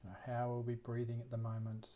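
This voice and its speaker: A man teaching a guided meditation speaks gently and without hurry, leaving long pauses. His mid-range voice is delivered completely flat, and the recording has its high frequencies cut off.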